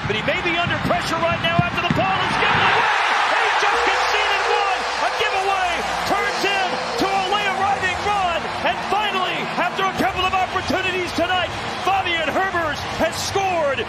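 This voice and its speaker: Male soccer commentator, excited goal yell, very high pitch, drawn-out emphatic words, loud stadium noise behind. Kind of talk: excited goal-call shouting in live match commentary. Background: roaring stadium crowd.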